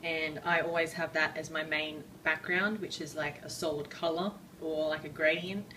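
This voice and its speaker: A woman giving a casual drawing tutorial, rambling and self-deprecating with many fillers, a bit out of breath and clearing her throat. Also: low voice, fairly even intonation, normal speed, bright, forceful tone, far from the mic, a little hiss or hum, poor audio. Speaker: art tutorial maker.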